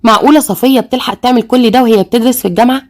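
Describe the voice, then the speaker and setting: Woman playing an eager young woman, Egyptian accent, friendly, quick, fairly high voice. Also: darkish tone, natural voice.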